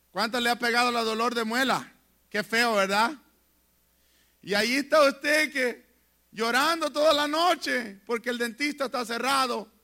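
A male pastor preaching a fervent sermon from a church pulpit, moving between hushed asides and shouted lines. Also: extremely high pitch.

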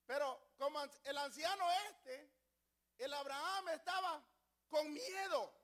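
High, bright-voiced older preacher. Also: male voice, slow. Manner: swings from shouting to hushed asides, acts out voices. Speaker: pastor. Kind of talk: sermon.

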